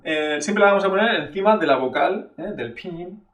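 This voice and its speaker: A man's voice: high voice, lively intonation, moderate pace, fairly bright tone. A man from teaching a Chinese lesson in a patient, explanatory way, often checking in with a questioning "eh" and exaggerating sample syllables to show the tones. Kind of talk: classroom-style video lesson. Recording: roomy echo, voice from a distance.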